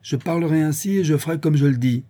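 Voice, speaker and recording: A man's voice: medium pitch, moderate pace, mellow, slightly rough, natural voice. A man voicing a stern, angry elderly father who gives harsh, commanding orders and raises his voice.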